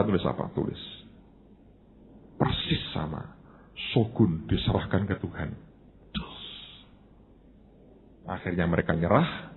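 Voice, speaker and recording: A middle-aged man, a pastor, preaching a sermon in an animated storytelling way, acting out dialogue and leaping up in pitch for emphasis, with English words dropped into his talk. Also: vocal fry, phone-quality sound, slight background noise.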